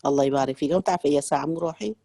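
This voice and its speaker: Lady on a video call, talks super fast, gravelly voice. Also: deep voice. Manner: rapid, warm blessings, hesitant. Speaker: student asking about enrollment. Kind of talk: casual questions on a video call.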